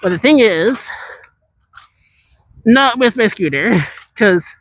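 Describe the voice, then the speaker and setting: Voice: medium pitch, animated, slow pace, fairly bright tone, dry recording. An IRL streamer chatting casually with viewers while walking and scootering outdoors through a large city, rambling and answering chat as they go.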